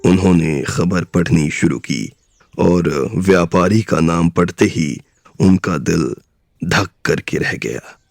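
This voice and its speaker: A man narrates a story slowly and deliberately, his very low voice carrying a gravelly rasp. Soft music plays beneath him, and there's no echo.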